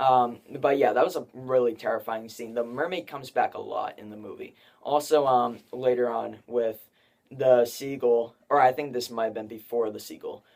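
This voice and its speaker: With a slightly mellow, steady mid-range voice and a moderate pace, a young man rambles through a laid-back spoiler talk about a movie. As the review host, he fills his speech with filler words, "like" especially.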